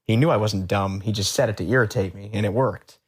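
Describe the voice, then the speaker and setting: A man from the Boston area, a guest on an interview show, telling his own story in a relaxed, rambling way with many fillers and restarts. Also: fairly low pitch, quick pace, slightly rough. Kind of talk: casual storytelling.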